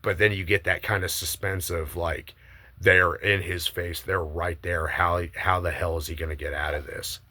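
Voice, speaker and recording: A man with a very low, forceful voice eagerly pitches a movie idea. He talks in a casual, emphatic monologue like a video host sharing strong opinions, swearing freely. The sound is close and dry. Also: steady tone, moderate pace, no echo.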